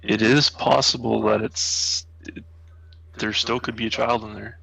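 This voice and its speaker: A man's voice: fairly low pitch, steady tone, a little slow, vocal fry, pushed and bright, slightly rough, dry recording, poor audio. A man playing a tabletop role-playing game, chatting casually in and out of his role. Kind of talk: casual role-play chat.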